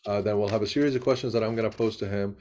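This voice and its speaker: A man's voice: on the low side, steady tone, darkish tone. A man hosting a video-call webinar, introducing and interviewing a guest, with many fillers and restarts. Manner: quick, with frequent uh fillers and restarts.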